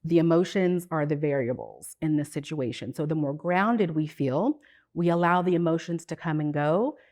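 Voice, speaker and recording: Low-voiced woman therapist explaining calmly. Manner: explanatory, measured, educator's tone. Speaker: psychotherapist guest. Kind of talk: podcast interview.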